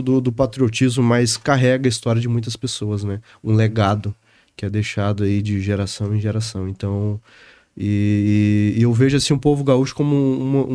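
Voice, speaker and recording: A man's voice: on the low side, no echo. Chatty man, dry mic. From Minas Gerais, Brazil. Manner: relaxed, chatty, emotional. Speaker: podcast guest. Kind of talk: casual conversation.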